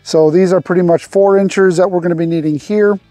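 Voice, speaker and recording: Relaxed, mellow-voiced homesteader outdoors. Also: male voice, high voice, fairly quick, no room sound, soft background music. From Arkansas. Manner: relaxed explaining with fillers. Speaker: homesteading channel host. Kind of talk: casual instructional vlog. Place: outdoors on a farm field. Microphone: lapel mic.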